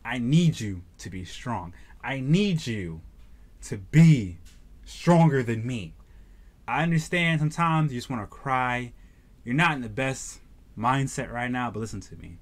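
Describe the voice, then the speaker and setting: A calm, protective young man from an anime speaks low and earnest, as a male reviewer puts him on. The voice sits well below the reviewer's own. He pleads softly and steadily. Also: measured pace.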